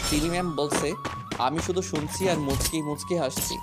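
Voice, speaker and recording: A man's voice: a little high, wildly swooping pitch, a little fast. A man narrating a first-person romantic story in a playful, cheeky way. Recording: loud background music.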